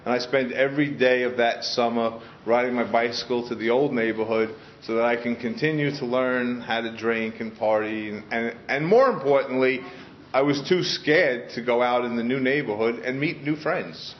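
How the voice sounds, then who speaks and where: A middle-aged man speaks earnestly to a gathered group, his voice sitting at an everyday middle pitch. He stumbles and restarts as he shares his story from the heart. The recording is dull and lo-fi. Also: moderate pace, slight background noise. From Queens, New York. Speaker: speaker sharing his story at a recovery meeting. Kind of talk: personal testimony to a group. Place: meeting room in front of a group. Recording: dull lo-fi sound.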